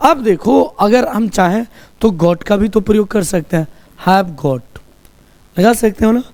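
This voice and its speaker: Speaking slowly and drawing out his words, a man teaches a class spoken English through Hindi, in a Hindi accent, running sentence drills and asking students to say them back. He has a high voice with a darkish tone.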